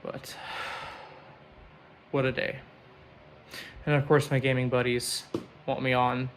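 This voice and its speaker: A man's voice: medium pitch, little pitch movement, slow pace, a little hiss or hum. A young man talking candidly in a casual vlog, rambling and swearing now and then. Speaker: vlogger.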